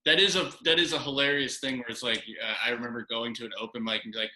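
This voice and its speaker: Bright-voiced male host, roomy sound. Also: mid-range voice, fairly even intonation, fast talker. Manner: easygoing, asks questions. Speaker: podcast co-host. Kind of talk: casual podcast chat. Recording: roomy echo.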